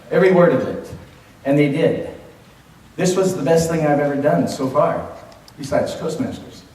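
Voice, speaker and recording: A fifty-year-old man from Los Angeles with a Californian American accent tells a funny story as a contest speech, theatrically, with dramatic pauses and emphasis. His voice is fairly high and mellow, recorded from afar in an echoey indoor room with an audience and faint noise.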